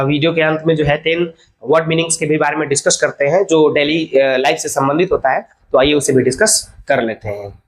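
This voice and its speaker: A fairly high-voiced man gives a grammar lesson for beginners. He works through each example one step at a time, patient and explanatory. He keeps checking in with the listener as he goes. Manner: patient, checks in with "okay?" often. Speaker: English teacher.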